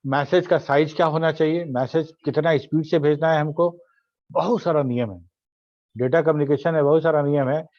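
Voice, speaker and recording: A male teacher lectures in an online class, explaining step by step and pausing to quiz his students. His voice sits a little high, and English definitions come out slowly with an Indian accent. The recording is dry and dull, like lo-fi audio. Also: steady tone, no room sound.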